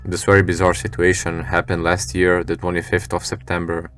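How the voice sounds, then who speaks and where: A man with a low voice narrates in a scripted, serious way. His delivery is measured and flat in pitch, with music playing underneath. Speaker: narrator of a scary video compilation.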